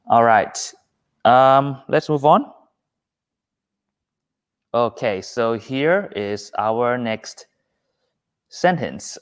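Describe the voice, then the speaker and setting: Thai-accented male English teacher hosting a live quiz, slow and patient, greets viewers one by one. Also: medium pitch. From Thailand. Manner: patient, unhurried, reads out viewer comments. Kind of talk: live-streamed quiz lesson.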